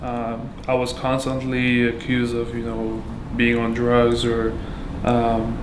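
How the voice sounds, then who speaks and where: A man from Afghanistan giving a candid account as a patient, halting and full of fillers and restarts. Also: mid-range voice, monotone. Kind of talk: candid personal testimony. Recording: echoey room with background noise.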